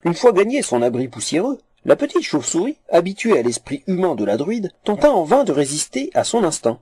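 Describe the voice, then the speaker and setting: A man's voice: sits high, big pitch swings, fairly quick, warm tone, slightly rough. A man reading scripted narration for a fantasy story.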